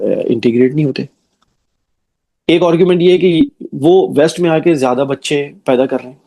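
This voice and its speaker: Gravelly-voiced man making an argument. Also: medium pitch, warm tone. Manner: argumentative, rhetorical questions, frequent check-in tags. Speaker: commentator. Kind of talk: explanatory commentary monologue.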